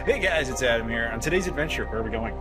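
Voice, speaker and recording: A man's voice: mid-range voice, animated, very fast, over music. A man hosting a travel vlog, chatting casually and joking about himself while he walks through an airport and a supermarket. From United States. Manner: joking, chatty, self-mocking. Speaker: travel vlogger host. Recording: noisy on-location audio.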